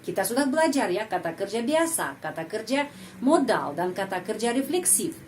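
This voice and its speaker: A woman teaching a language lesson, patiently explaining grammar and slowly repeating example sentences. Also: medium pitch, big pitch swings, a little hiss or hum, rough recording.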